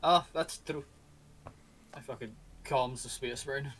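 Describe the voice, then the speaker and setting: A man's voice: medium pitch, takes it slowly, a bit bright, a little hiss or hum. A man playing at a tabletop game, loose and joking with some swearing. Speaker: player. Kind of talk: casual chat at a tabletop game.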